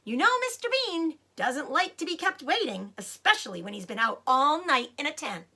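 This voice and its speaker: A woman playing a bossy, impatient farmhouse woman in a storybook, calling out loudly. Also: sits high, very animated, normal speed, voice pushed up, exaggerated voice. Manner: loud, calling out.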